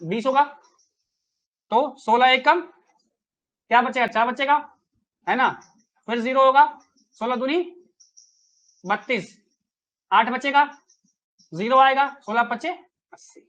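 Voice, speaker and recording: A man's voice: very high voice, a little slow, long pauses, a bit bright, muffled recording. A man teaching a live online maths class, chatty and coaxing, who keeps quizzing his students with rhetorical questions.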